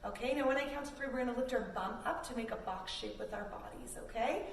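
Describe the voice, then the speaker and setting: Leading a children's yoga storytime, a Canadian woman speaks fast in a creaky voice on the high side. She instructs and encourages the kids with simple phrasing. The recording is roomy and distant, with a little faint noise.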